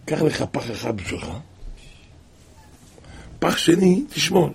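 A man telling a religious tale as a sermon, dropping to hushed asides and then crying out loud repeated calls. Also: sing-song, creaky, slightly rough. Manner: shifts from hushed low asides to loud cried-out repetitions. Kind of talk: storytelling sermon.

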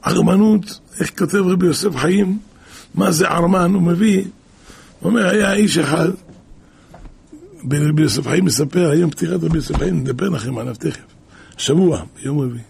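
Gravelly, husky man preaching a sermon. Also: fairly high pitch. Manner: animated, asks rhetorical questions. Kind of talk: sermon with storytelling.

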